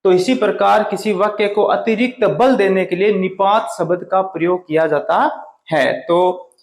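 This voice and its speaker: A man teaching a Hindi grammar lesson, reading example sentences slowly and stressing the key words. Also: high voice. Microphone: phone camera on tripod. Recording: echoey room.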